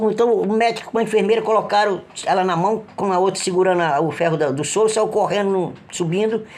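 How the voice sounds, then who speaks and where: A middle-aged man with a Brazilian Portuguese accent giving an emotional personal religious testimony, halting and earnest, with frequent restarts. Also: high-pitched, darkish tone. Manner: halting, with repeated restarts and trailing phrases; earnest, pleading when retelling cries for help.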